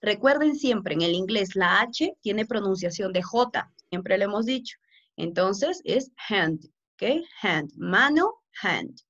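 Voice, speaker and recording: A woman English teacher with a Peruvian Spanish accent, giving an online class slowly and with a lot of repetition. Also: mid-range voice, animated, fairly bright tone. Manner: slow and repetitive, code-switching. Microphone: video call. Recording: muffled video call audio, faint noise.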